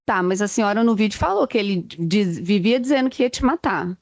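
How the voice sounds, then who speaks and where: A woman's voice: mid-range voice, expressive, no room sound. A woman with a Brazilian Portuguese accent questioning a witness in court, firing off pointed questions one after another. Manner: probing, rapid-fire questions.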